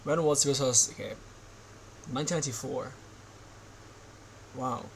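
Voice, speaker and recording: A man's voice: mid-range voice, normal speed, gravelly, slight background noise, poor audio. A man giving casual reaction commentary while watching a video, rambling with many fillers and restarts.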